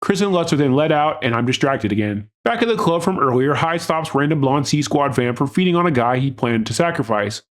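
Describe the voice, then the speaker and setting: A man's voice: mid-range voice, animated, fairly quick, hardly any pauses. A man hosting a film recap, narrating scripted comedic review with sarcastic, mocking asides. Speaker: host of a film recap show.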